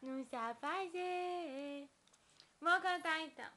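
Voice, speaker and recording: A woman's voice: very high-pitched, takes it slowly, bright, forceful tone. A mother, coaxing her baby in sing-song baby talk on a home video.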